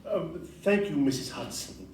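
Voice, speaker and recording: A man playing a mild, agreeable Victorian gentleman doctor in a stage audio play, with a polite manner. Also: on the high side, sing-song, moderate pace. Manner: polite, amiable. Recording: echoey room, distant mic, faint noise.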